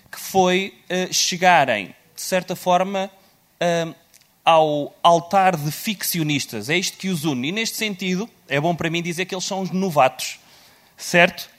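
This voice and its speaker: A man with a fairly high voice and a European Portuguese accent hosts a panel on stage. He talks loudly and with a playful, teasing edge. His delivery is lively and deliberate. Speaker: moderator. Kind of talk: live panel moderation.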